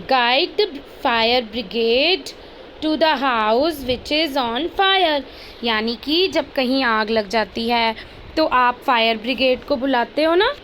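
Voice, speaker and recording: A young woman teaches little children online, stretching each word out very slowly so they can follow along. Her voice sits high, and a faint noise hums behind her. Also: fairly bright tone, poor audio. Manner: slow, drawn-out reading aloud of words for children to repeat. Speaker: primary school teacher.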